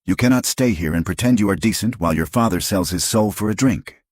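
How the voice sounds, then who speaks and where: A man's voice: low voice, fairly even intonation, very fast, darkish tone, no room sound, clean studio sound. A man voicing a stern, self-righteous middle-aged townswoman in a western audiobook, scolding and curt.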